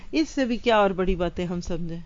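Smooth-voiced woman teaching a religious lesson. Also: on the low side, expressive, darkish tone, highs cut off. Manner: earnest, directly addressing her listeners.

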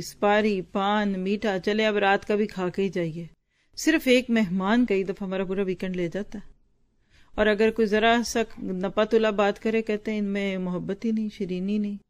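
Woman teaching a religious book. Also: mid-range voice. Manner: explains difficult words, asks and answers herself. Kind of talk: lecture explaining a book.

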